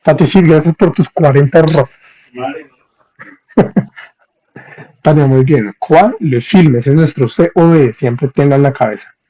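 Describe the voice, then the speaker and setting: A man teaching French in on a live stream, reading viewers' comments and saying French examples slowly. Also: fairly high pitch, warm tone. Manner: reads viewers' chat, thanks them for gifts, spells French slowly. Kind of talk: live-streamed language lesson.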